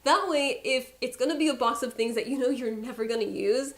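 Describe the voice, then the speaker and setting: A woman's voice: fairly high pitch, fairly quick. Chatty young woman beauty vlogger. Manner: chatty and candid, playful emphasis, self-mocking asides. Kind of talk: casual chat to camera.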